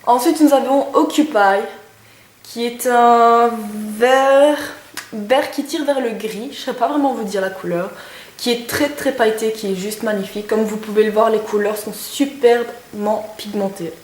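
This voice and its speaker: In an echoey room with some faint noise, a young woman talks through a makeup review at normal speed. Her fairly high voice suits her casual vlogger chatter, which is full of hesitations and gushing praise.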